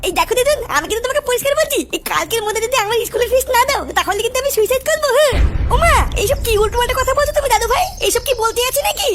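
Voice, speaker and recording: A comedy sketch performer voicing several characters in a lively, profane manner. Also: female voice, very high voice, very fast, background noise. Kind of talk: comic sketch acting. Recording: music playing behind.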